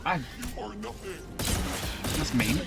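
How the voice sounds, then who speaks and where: A young man chatting casually as he streams a video game, rambling and breaking into excited outbursts. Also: extremely slow, loud music behind the voice. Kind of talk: casual live-stream commentary.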